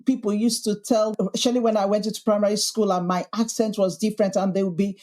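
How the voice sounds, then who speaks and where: Answering questions in a thoughtful, reflective interview, a podcast host with a Yorkshire accent speaks at a quick pace in a medium-pitched, steady, darkish voice. She is earnest and builds her arguments as emphatic lists.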